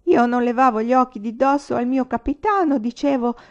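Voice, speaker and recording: A woman reading aloud voices a drunk young male army lieutenant who talks loudly and boastfully. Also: a little high, fairly quick, pitched above the performer's own voice, natural voice. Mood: drunken, blustering. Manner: loud, boastful, sobbing and angry by turns. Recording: slightly dull, lo-fi recording.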